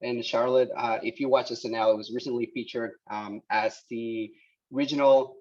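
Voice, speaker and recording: A man in his thirties from El Salvador, whose first language is Spanish, talks as a guest engineer on a video call, halting, with many restarts and fillers. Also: medium pitch, fairly even intonation, darkish tone. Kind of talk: casual talk on a video call. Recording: dull lo-fi call audio.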